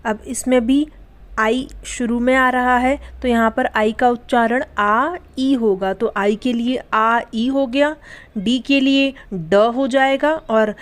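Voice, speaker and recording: A woman leads a slow, step-by-step lesson, spelling out each word letter by letter. She keeps asking checking questions and answering them herself. Her voice sits a little high and her pace is unhurried. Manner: spells words out letter by letter, slowly. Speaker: English teacher.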